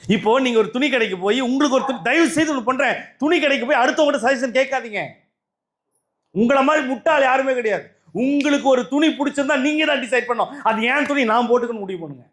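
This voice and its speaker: A man's voice: very high voice, fast, a bit bright. A man with a Tamil Nadu accent giving an emphatic spiritual talk, repeating phrases and firing rhetorical questions at his listeners. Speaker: spiritual speaker.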